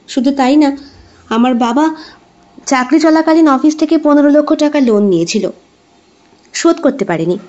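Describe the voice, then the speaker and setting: A woman's voice: sits high, voice pushed up. A woman doing a fiery young office woman. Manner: sharp when angry, pleading when troubled. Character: young woman, hot-tempered office worker, troubled. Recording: dull lo-fi recording.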